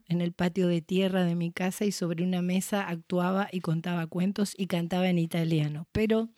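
A middle-aged woman with an Argentine accent, a guest storyteller answering interview questions in a reflective, unhurried way. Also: mid-range voice, dark tone, no echo, clean studio sound. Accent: Argentine Spanish. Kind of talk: conversational interview.

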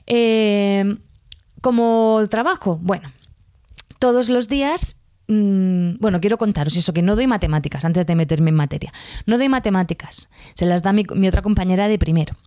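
A woman's voice: mid-range voice, moderate pace, warm tone, no echo, clean studio sound. A woman teacher, talking casually in a podcast monologue, rambling with fillers and self-corrections. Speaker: primary school teacher podcaster.

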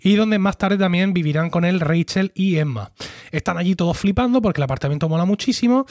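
A man's voice: high voice, fairly quick, a little mellow, no room sound, clean studio sound. A middle-aged man hosting a podcast, recapping a sitcom episode in casual chat and wryly acting out the lines he quotes. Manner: chatty, wry, acts out quoted lines. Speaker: podcast host.

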